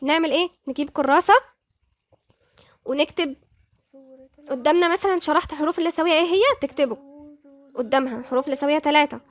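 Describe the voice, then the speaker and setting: A woman with an Egyptian accent teaching Quran recitation rules, patiently repeating words slowly syllable by syllable. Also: high voice, no echo. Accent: Egyptian Arabic. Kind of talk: tajweed lesson, slow recitation.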